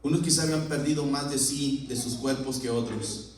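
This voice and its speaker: A man's voice: medium pitch, fairly even intonation, moderate pace, slight background noise. A man preaching a sermon as pastor, with impassioned repeated phrases. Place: church sanctuary. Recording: echoey church hall from far off.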